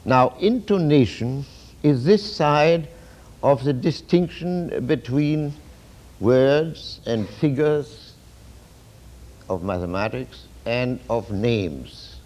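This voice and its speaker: Halting lecturing man with a mellow voice. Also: medium pitch, lively intonation. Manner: halting, with many restarts; philosophical, emphatic. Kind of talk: university lecture.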